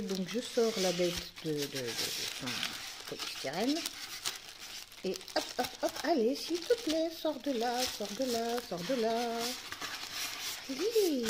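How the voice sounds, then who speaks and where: A woman's voice: mid-range voice, background noise. Chatty woman unboxing on camera. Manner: chatty, playful asides, frequent fillers. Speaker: unboxing vlogger. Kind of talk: casual unboxing chat.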